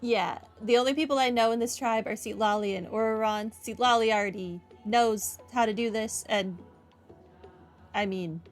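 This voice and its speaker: With video game music behind her, a woman hosting a playthrough chats informally, reads prompts aloud, and tosses in wry asides. She speaks at normal speed in a voice that is a little high.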